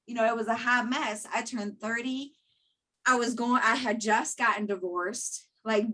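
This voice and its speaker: A woman's voice: a little high, a bit bright, poor audio. A woman in her thirties co-hosting a podcast, talking earnestly and repeating phrases for emphasis in a casual chat. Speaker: podcast co-host.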